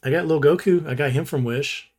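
A man's voice: a little high, quick pace, darkish tone, husky. A man co-hosting a podcast, chatting casually in a rambling, easygoing way. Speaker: podcast co-host. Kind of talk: casual chat.

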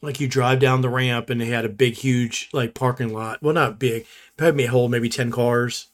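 A man's voice: mid-range voice, steady tone, moderate pace. A man co-hosting a podcast, chatting casually in a rambling, easygoing way. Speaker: podcast co-host. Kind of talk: casual chat.

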